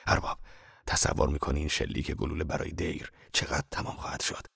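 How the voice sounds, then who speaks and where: Man voicing old laborer, fierce, growling, blunt, low, dry. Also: level tone, vocal fry, a bit bright, husky, dry recording, full character voice. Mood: gruff. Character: gruff fierce old Greek laborer, quick-tempered.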